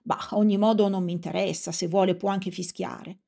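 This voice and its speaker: A woman voicing an irritable gentleman yelling from a first-floor window after being woken. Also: lowish voice, steady tone, brisk, gravelly. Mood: annoyed. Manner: irritable, loud.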